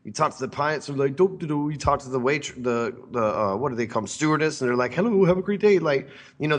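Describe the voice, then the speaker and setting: A man's voice: medium pitch, fairly bright tone. A man hosting a sales podcast, talking in a brash, rambling, profane way. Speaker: podcast host. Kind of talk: casual profane podcast talk.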